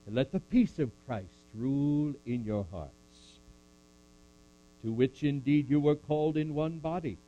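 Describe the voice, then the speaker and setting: A man's voice: a little high, unhurried, narrow, tinny audio, natural voice. A man voicing a puppet of an older apostle who preaches and then answers audience questions with dry jokes. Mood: solemn. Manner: preachy, dryly joking, speaks to a crowd. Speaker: puppet performer. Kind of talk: church puppet skit with scripture recitation.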